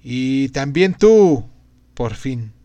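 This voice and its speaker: A man's voice: mid-range voice, lively intonation, drawn-out words, dark tone, dry recording, highs cut off. A man reading aloud and voicing a grave, fervent male prophet-sage in a declamatory way. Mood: questioning. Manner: declamatory, exhorting. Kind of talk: audiobook reading.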